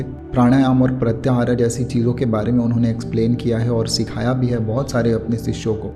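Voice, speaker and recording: A man with an Indian accent giving an explanatory meditation lesson in a soothing, unhurried yoga-teacher manner. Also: medium pitch. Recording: clear music bed under the voice. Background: music.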